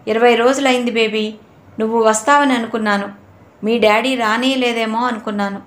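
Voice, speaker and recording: Brief: woman narrator voicing a kind older aunt, soft and sorrowful, slightly high voice, echoey room. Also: fairly even intonation, moderate pace, lightly acted. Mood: grieving. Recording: roomy echo.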